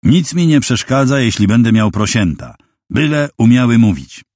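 A man voicing a young hot-headed husband who speaks calmly and firmly, with a low, husky voice. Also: normal speed, no room sound, studio quality. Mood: amused. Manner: calm, firm, matter-of-fact.

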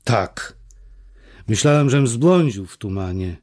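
A man's voice: mid-range voice, animated, slow pace, a little mellow. A man voicing a terse, proud young man who answers curtly and dryly. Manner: laconic, curt.

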